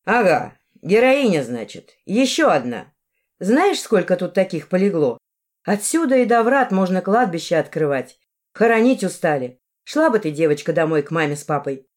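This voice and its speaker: A woman's voice: on the low side, big pitch swings, moderate pace, darkish tone. A woman reading aloud, voicing a weary, blunt elderly village woman. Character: massive old village matriarch, gruff and weary.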